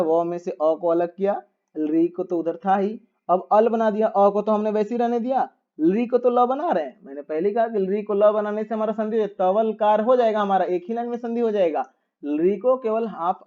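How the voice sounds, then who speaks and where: A man's voice: high voice, dark tone, muffled recording. A man teaching a grammar lesson, patiently repeating each step and asking rhetorical questions as he writes on a board.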